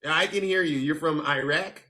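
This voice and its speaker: A man with a fairly high pitch and moderate pace hosts a casual live call-in stream, playfully teasing his callers, his volume swinging between loud and soft.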